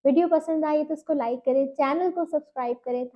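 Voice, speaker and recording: A woman's voice: high-pitched, a little fast, dull audio. A woman from Pakistan, giving earnest parenting advice and mixing in English phrases. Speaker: parenting coach.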